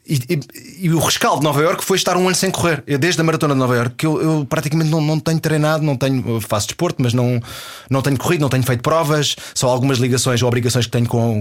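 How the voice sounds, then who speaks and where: A man with a European Portuguese accent, chatting as a guest and telling a story with many restarts and dry jokes. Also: medium pitch. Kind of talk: casual chat.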